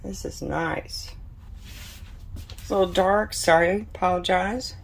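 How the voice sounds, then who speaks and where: A woman's voice: lowish voice, steady tone, measured pace. A woman giving a casual walkthrough commentary as a vlogger inside a small camper trailer. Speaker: vlogger touring RVs. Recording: clear background noise, room ambience.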